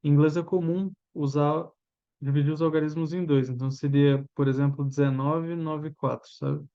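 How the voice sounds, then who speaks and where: A Brazilian man in his thirties with a Brazilian Portuguese accent, an English teacher giving a chatty lesson and drilling pronunciation with slow repeats. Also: fairly high pitch, fairly even intonation, warm tone, clean tone, dull audio. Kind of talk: informal language lesson.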